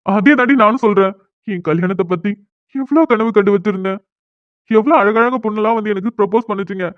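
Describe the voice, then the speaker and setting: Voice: mid-range voice, fast, natural voice. A whiny, sulking young cartoon husband, as a performer plays him. He pleads and complains in a middling voice. The sound is tinny and phone-like, with no room echo. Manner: whining, pleading. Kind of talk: cartoon dialogue.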